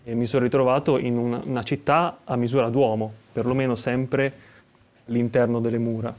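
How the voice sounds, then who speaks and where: A man's voice: medium pitch, flat delivery, a little fast, darkish tone. A young man from Italy calls in to a chat show. He talks in a mid-range voice, rambling and hesitant, restarting his sentences as he goes. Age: young adult. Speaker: caller. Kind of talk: casual call-in chat.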